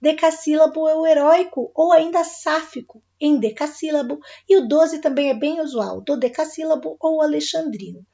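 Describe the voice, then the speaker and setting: A woman's voice: high-pitched, moderate pace, creaky, hardly any pauses, warm tone, dull audio. A woman with a Brazilian Portuguese accent teaching a recorded lesson, friendly and checking in with her students.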